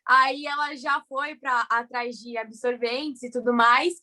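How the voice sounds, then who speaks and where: A woman's voice: on the high side, a little slow. A young woman with a Brazilian Portuguese accent, cheerfully recounting a memory in casual chat. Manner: cheerful, lively retelling.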